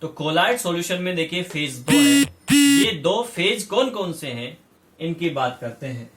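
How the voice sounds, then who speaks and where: High-voiced man teaching in an echoey room. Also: big pitch swings, measured pace, distant mic, heavy background noise. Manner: explains step by step, repeats key terms, asks "ठीक है". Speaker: chemistry teacher. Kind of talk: classroom lecture.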